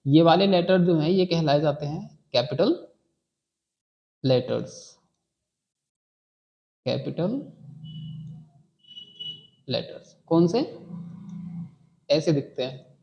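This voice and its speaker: A man's voice: a little high, takes it slowly, long pauses, warm tone. A man teaching a beginners' English class in a patient, repetitive way, often checking in with the students as he goes. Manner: patient, repeats key words and checks with "ठीक है". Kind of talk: classroom lesson. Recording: dull lo-fi sound.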